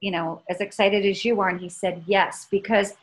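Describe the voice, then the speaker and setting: A woman's voice: mid-range voice, steady tone, moderate pace, low-quality recording. A woman in her fifties co-hosting a casual chat, telling stories in a rambling way with many restarts. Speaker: podcast co-host.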